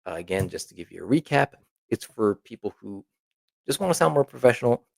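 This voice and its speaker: A man with a lowish voice and lots of vocal fry teaches a language lesson informally, explaining as he goes, repeating example phrases, and checking in often with "right" and "okay." He's expressive and a little fast, and the recording is very dry with hardly any room sound.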